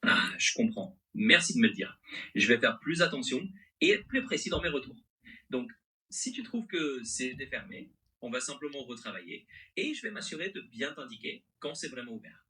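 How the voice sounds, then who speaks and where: A man voices a conversational AI assistant at a moderate pace, sounding agreeable and accommodating. His tone is very bright and crisp-edged, his pitch lively and wide-ranging, and his mixed French accent carries American-sounding intonation. The audio quality is poor.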